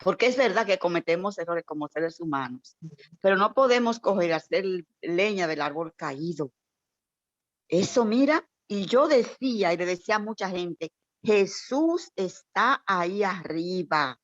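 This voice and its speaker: A woman tells an emotional church testimony in an animated, storytelling way. Her voice sounds dry and close, with a somewhat dull, lo-fi tone. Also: fairly low pitch, moderate pace, no echo. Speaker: church member sharing testimony. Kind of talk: heartfelt testimony in a prayer meeting.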